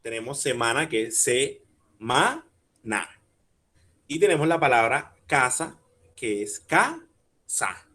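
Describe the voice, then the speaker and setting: A man leads a workshop lecture over a video call, with a voice in the middle of the male range. He is patient and methodical, breaking words into syllables slowly. He stops often to ask listeners questions and check that they follow. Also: mid-range voice, a bit bright. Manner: patient, explains step by step, spelling out syllables slowly; asks the audience questions and checks understanding. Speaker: workshop speaker teaching rhyme.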